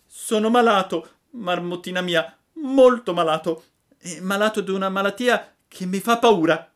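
A man voicing a panicky, wailing wooden puppet boy in a high, shrill voice. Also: a little slow, fairly bright tone. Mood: frightened.

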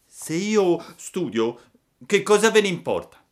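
A man's voice: high voice, sing-song, a little slow, pitched above the performer's own voice. A man voicing a cheeky young male wooden puppet in a storybook reading, mocking and teasing.

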